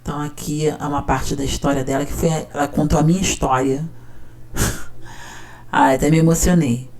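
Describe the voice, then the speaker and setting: A woman's voice: low voice, fairly even intonation, moderate pace, a little mellow. A woman teacher, talking casually and often checking in with her listener. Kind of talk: casual explanatory talk.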